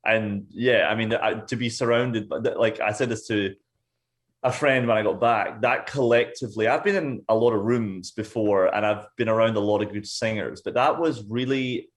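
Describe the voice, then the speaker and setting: Halting young man from Scotland. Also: on the low side. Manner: halting, many restarts and "like". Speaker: singer, guest. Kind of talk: casual interview.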